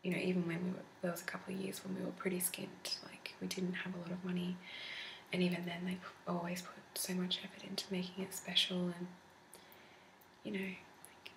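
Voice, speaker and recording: Whispering with a slightly deep, creaky quality that's not soft-spoken, a woman in her twenties makes a rambling ASMR chat and laughs a lot. The grainy, noisy audio comes from a laptop mic in her candlelit home room.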